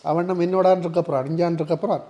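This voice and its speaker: Whiny high Jaffna Tamil man. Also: fairly even intonation, very fast, muffled recording. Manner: whiny, complaining loudly. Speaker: comedian in a sketch. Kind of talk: comic sketch dialogue.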